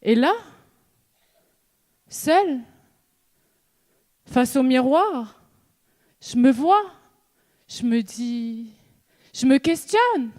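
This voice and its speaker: A young woman from New Caledonia, a student giving a contest speech on stage with slow, measured delivery, dramatic pauses and repeated refrains. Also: high-pitched, expressive, a little mellow. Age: young adult. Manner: rhetorical questions and repeated refrains. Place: stage in a hall before an audience.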